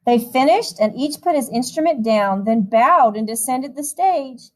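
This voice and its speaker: Sounding like a music teacher, a woman with a high-pitched voice tells a picture-book story to young children with animation and expression. She alternates between the verse and casual chats with her listeners, reading a little slowly.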